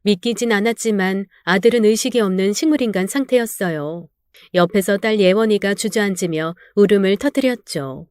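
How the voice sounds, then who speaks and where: Woman, smooth clear voice, first-person story narration, emotional and dramatic, dry close mic. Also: mid-range voice, normal speed, darkish tone, dry recording. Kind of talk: scripted narration of a real-life story.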